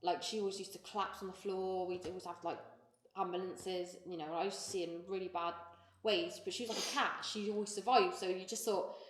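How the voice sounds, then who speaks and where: A woman telling a personal story in an interview, blunt and sweary, halting with fillers and getting emotional. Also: on the low side, fairly even intonation. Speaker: guest. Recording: echoey room.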